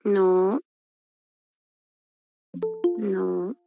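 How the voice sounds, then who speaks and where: A woman teaches an online entrance-exam class, quizzing students and sounding out words again and again. Her voice sits at a middling pitch. It comes through a computer mic, dry and a little muffled. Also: flat delivery, drawn-out words, creaky, no echo. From Peru. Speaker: university entrance prep teacher. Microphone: computer mic on a video call.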